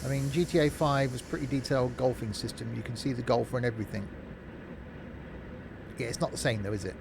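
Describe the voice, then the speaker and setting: At a quick pace, a man in a mid-pitched voice streams a train simulator, giving casual live commentary and joking with viewers as he answers their chat informally. His streaming microphone feeds a mixing desk, and a clear, steady layer of noise and vehicle rumble runs underneath.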